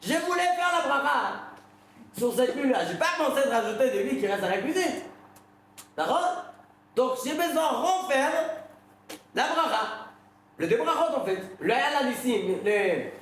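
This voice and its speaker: A man's voice: very high voice, big pitch swings, normal speed, pauses often, a bit bright. A man, a rabbi, giving an informal religious lesson, telling stories and putting questions to his listeners. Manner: conversational storytelling, questions the audience. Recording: very echoey room.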